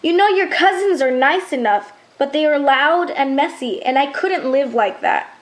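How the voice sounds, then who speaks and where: A woman's voice: high voice, expressive, normal speed. A woman voicing a worried mother mouse who pleads and frets in a storybook. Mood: tearful. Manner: pleading, tearful.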